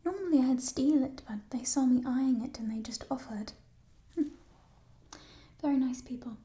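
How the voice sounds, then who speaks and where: A woman in a whispered role-play as a playful, chatty thief, musing hesitantly in a burglar's hushed whisper over stolen treasure. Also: high voice, moderate pace, close to an everyday voice. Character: playful, chatty female thief showing off stolen coins in a fantasy world.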